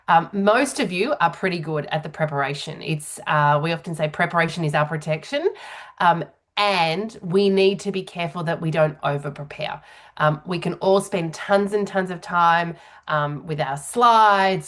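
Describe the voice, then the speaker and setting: A woman working as a public speaking coach, explaining conversationally with frequent ums and mid-sentence pauses. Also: on the low side. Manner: hesitant, filler-heavy, pausing mid-sentence as she explains.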